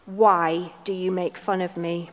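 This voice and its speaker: A woman voicing a young enslaved girl who speaks quietly and slowly through clenched teeth. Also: lowish voice, flat delivery, big-room sound. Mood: bitter.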